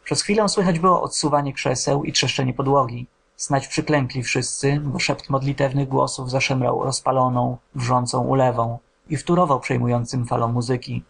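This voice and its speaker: A man reading a literary novel aloud as an audiobook narrator, in a slow, measured, somber way. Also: mid-range voice, steady tone, creaky, fairly bright tone, husky.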